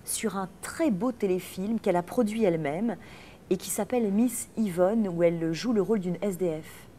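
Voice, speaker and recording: Mellow-voiced woman host asking questions. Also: mid-range voice, normal speed, a little hiss or hum. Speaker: interviewer and host. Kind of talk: radio-style interview.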